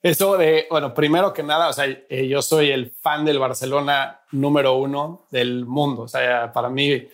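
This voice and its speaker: A man's voice: medium pitch, steady tone, normal speed, hardly any pauses. A man hosting a podcast interview who chats casually and eagerly chimes in with agreement. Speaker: podcast host. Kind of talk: casual chat.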